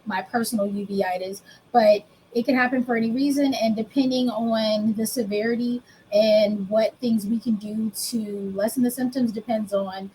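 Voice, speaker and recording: A woman's voice: fairly high pitch, fairly even intonation, normal speed, dark tone, a little hiss or hum, poor audio. A woman in her thirties from the United States, candidly telling her own story as an interview guest, plain and self-mocking. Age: 30s. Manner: candid, explains plainly, laughs at herself.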